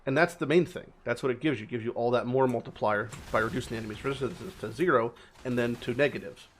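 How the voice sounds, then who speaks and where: A man's voice: mid-range voice, fast talker, slight background noise. Male streamer, mid-range voice, off-the-cuff gameplay commentary, blunt swearing and emphatic repetition. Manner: informal, sweary, repeats words for emphasis. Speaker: game streamer.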